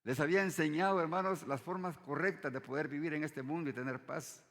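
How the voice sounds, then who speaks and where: A man preaching a sermon, often addressing the congregation as brothers and dropping his voice low at the end of phrases. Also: brisk, a bit bright. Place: church hall. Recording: long hall reverb.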